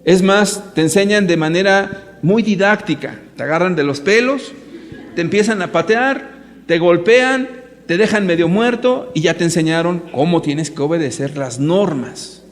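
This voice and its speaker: Emphatic preacher in an echoey hall. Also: male voice, sits high, expressive, normal speed. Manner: emphatic, rhetorical, addresses listeners directly. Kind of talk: sermon to a live audience.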